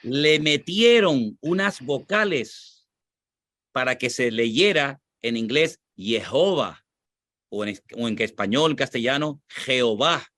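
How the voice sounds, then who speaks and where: A man's voice: medium pitch, expressive, unhurried, a bit bright, dry recording, studio quality. A man from Spain with a Spanish accent, a pastor explaining scripture and answering questions in a teaching tone, repeating his points for emphasis.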